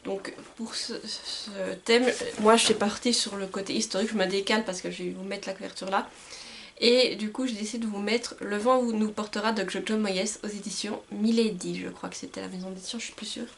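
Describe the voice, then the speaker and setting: Chatty young woman with a gravelly voice. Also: medium pitch, fairly even intonation, a little fast, a little hiss or hum. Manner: chatty, hesitant, frequent fillers and self-corrections. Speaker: book vlogger. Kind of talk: casual book recommendations to camera. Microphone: camcorder microphone.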